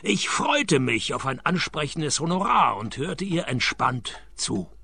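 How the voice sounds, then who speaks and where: An actor playing a wry, jaded middle-aged private detective in a noir radio play, with a dry, sardonic delivery. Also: male voice, fairly high pitch, big pitch swings, unhurried, sharp tone, slightly rough, heavily acted. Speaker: narrator and lead detective.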